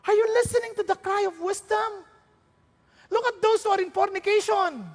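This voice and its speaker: A very high-pitched male preacher with a Filipino accent delivers an animated, joking sermon that mixes Tagalog with English. His voice rings through a church hall with a long, echoing reverb. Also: normal speed.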